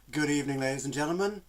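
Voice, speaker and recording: A man with a cold, chatting casually to camera as a gaming vlogger in a rambling, exasperated way. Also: mid-range voice. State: has a cold, coughing. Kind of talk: casual vlog chat to camera.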